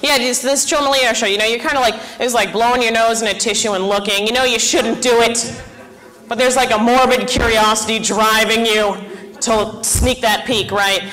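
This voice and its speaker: On a club stage, a woman in her twenties does self-deprecating stand-up, landing deadpan punchlines and chatting with the crowd in between. Her voice sits fairly high and her pace is moderate, though the audio quality is poor.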